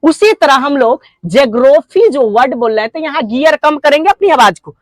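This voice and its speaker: A woman with an Indian accent teaching spoken English, breaking words into slow, stressed syllables. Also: high-pitched, animated, no echo. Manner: drawn-out, stressed syllable drills. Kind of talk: classroom lesson.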